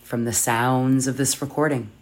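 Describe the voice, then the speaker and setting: A meditation guide leading yoga nidra in a soft, soothing, measured voice with long pauses. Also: mid-range voice, steady tone.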